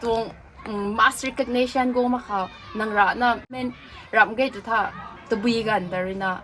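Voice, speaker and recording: A woman's voice: fairly high pitch, unhurried, some chatter behind, a little hiss or hum. Woman hosting a casual cafe chat. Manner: mixes in English words, frequent soft "mm" acknowledgements. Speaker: talk show host.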